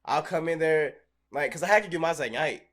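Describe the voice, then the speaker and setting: A young man co-hosting a podcast, telling profane, animated stories and acting out scenes in casual chat. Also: on the high side, a little fast. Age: young adult. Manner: profane, animated storyteller who acts out scenes. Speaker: podcast co-host.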